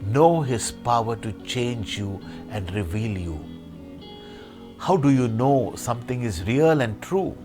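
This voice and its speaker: A mid-pitched man delivers a sermon at a pulpit microphone. He speaks in measured phrases, stacking rhetorical questions and lists, then drops into a hushed guided-meditation tone. Soft music sits faintly in the background. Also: expressive. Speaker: priest.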